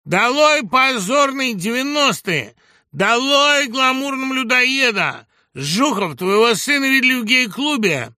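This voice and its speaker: A man shouting as a brash young heckler. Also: extremely high pitch, big pitch swings, a little slow, no echo, clean studio sound, voice pushed up, full character voice. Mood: jeering, shouting. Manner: shouting taunts. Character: aggressive young male heckler, brash and rude.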